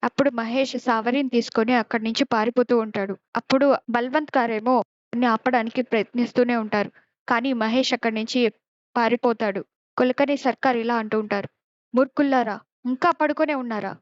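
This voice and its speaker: A woman with a fairly high voice retells an episode scene by scene, reading the characters' lines in her own plain voice. The sound is dry and a little dull, like a simple home recording. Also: steady tone, brisk, no echo. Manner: plain retelling that reads out the characters' lines without acting them. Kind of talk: casual retelling narration with quoted dialogue.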